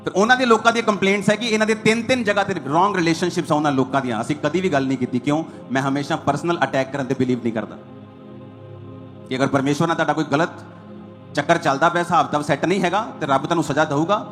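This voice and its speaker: A man's voice: on the high side, very fast, fairly bright tone, faint music behind. A man preaching a sermon as pastor, hammering his points in short repeated phrases.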